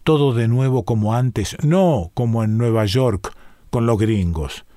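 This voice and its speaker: A man's voice: medium pitch, measured pace, mellow, no room sound, clean studio sound. A man with a Rioplatense Argentine accent reading a short story aloud, speaking as an ailing bedridden former boxer in a rambling, confiding, colloquial way. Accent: Rioplatense Argentine Spanish. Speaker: reader.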